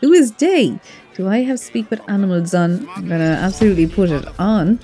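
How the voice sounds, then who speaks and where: A woman's voice: mid-range voice, lively intonation, brisk, mellow. A woman giving casual, chatty let's play commentary, reacting aloud as she plays.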